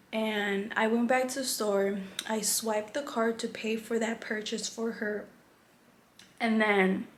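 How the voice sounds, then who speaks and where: A young adult woman vlogging in a candid, rambling way, full of "like" and restarts. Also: fairly high pitch. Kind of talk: casual chat. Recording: echoey room, faint background hum.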